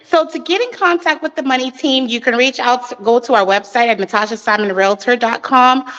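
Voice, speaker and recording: A woman's voice: a little high, brisk, fairly bright tone, highs cut off. Chatty woman realtor touring a home. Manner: chatty, nervous, laughs often. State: slightly out of breath from walking. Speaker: real estate agent. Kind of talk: walking home tour.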